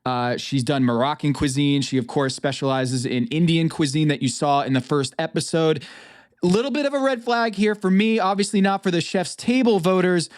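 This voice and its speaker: A man's voice: fairly high pitch, normal speed. A man from New England hosting a podcast, talking through draft picks casually with frequent ums. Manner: hesitant, frequent ums and uhs. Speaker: podcast host. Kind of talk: casual chat, fantasy draft analysis.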